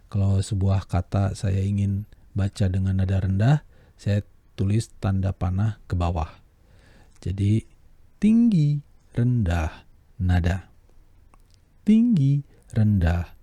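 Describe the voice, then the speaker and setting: A man lecturing on how to read a script aloud, explaining each element and pausing to demonstrate it with his voice. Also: mellow, dry recording. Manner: demonstrates pitch, pace and voice color by example. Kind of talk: lecture on script reading, with vocal demos.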